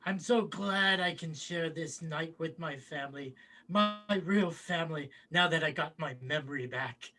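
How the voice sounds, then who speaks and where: A man playing a sentimental, easygoing uncle from a macabre comedy family, with slow, deliberate phrasing in a table read. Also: on the high side, over music, natural voice. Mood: wistful, contented.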